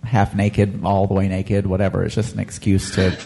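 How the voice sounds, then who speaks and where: A man's voice: low voice, completely flat delivery, moderate pace, vocal fry, warm tone, breathy edge. A man co-hosting a podcast, chatting casually with giggly asides. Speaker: podcast co-host. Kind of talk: casual chat.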